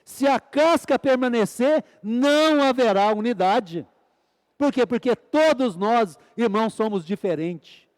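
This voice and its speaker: A man's voice: very high-pitched, expressive, unhurried, in a large hall. A male preacher giving a sermon, breaking in again and again with fervent calls on the Lord and putting questions to his listeners, then answering them himself. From Brazil. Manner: repeated fervent "Ó Senhor Jesus" exclamations.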